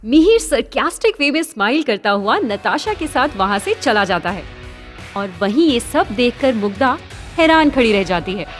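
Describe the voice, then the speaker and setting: Woman narrating an audio story, high voice, smooth delivery, faint music behind. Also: very animated, normal speed.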